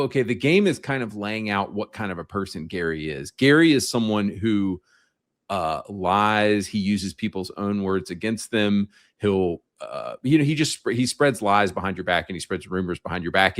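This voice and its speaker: A man's voice: fairly low pitch, fairly bright tone, dry recording, clean studio sound. A man co-hosting a retro gaming podcast, talking casually with blunt opinions. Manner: blunt, opinionated, quick agreements. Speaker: podcast co-host.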